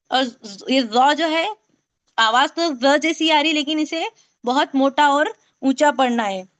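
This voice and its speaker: High-voiced woman teaching an online class. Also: a bit bright. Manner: patient, explanatory, repeats sounds for drilling. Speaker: Quran recitation teacher. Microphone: video call.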